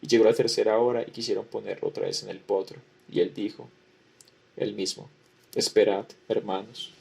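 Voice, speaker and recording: A man lecturing, reading a historical record aloud in a measured way and repeating the same formula as he goes. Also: on the low side, little pitch movement, creaky, darkish tone, breathy edge.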